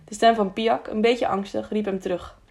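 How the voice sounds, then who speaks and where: Woman reading an audiobook, mid pitch, bit of vocal fry. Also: fairly even intonation, normal speed, darkish tone. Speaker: audiobook narrator. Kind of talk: audiobook narration.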